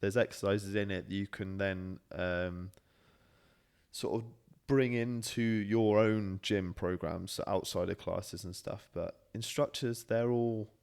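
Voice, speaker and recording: A man's voice: on the low side, steady tone, slow pace, gravelly, a little mellow, smooth. A man in his thirties co-hosting a podcast, chatting casually and unscripted with laid-back, joking banter. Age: 30s. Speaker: podcast co-host, fitness class instructor.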